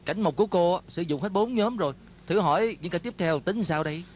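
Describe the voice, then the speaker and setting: Nervous male film assistant, high voice, placating and apologetic, TV drama dub. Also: a little fast. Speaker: dub actor.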